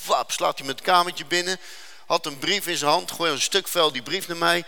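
A man giving an earnest personal faith testimony, telling his story dramatically and slowing down for emphasis. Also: on the high side, gravelly, sharp tone, long reverb tail.

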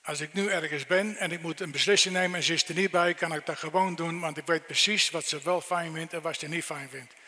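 A man's voice: a little high, fairly even intonation, a little fast, hardly any pauses, sharp tone. A middle-aged man preaching a sermon, asking the listeners earnest, direct questions. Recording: long reverb in a church hall.

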